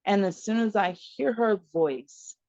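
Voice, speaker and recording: A woman's voice: mid-range voice, measured pace, no room sound, muffled recording. A woman, a podcast guest and mother of four, telling a personal story in conversation, acting out what others said to her, with laughter and fillers. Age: adult mother of four. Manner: animated storyteller acting out quoted dialogue.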